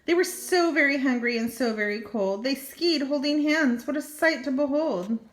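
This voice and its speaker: An older woman, a grandmother, reads a children's storybook aloud with expression, adding small asides along the way. Her voice sits high, her pace is normal, and the room is echoey.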